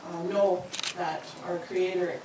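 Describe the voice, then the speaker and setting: A woman's voice: fairly low pitch, little pitch movement, slow pace. Woman giving a heartfelt graduation speech in a big echoey hall. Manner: earnest and heartfelt, with light self-joking asides. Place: large hall at a graduation ceremony. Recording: echoey hall heard from far off with background noise.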